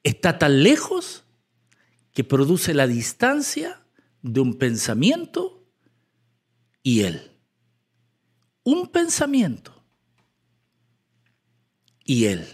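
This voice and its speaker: A man preaching a storytelling sermon, emphatic, swinging between loud exclamations and soft asides. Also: fairly high pitch, wildly swooping pitch, very slow, pauses often, breathy edge.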